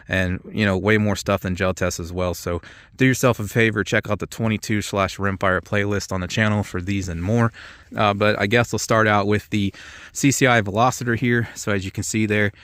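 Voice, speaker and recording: Recorded at studio quality with no echo, a man with a fairly low voice hosts an ammunition-testing video. He explains the products informally, rambling casually as he goes.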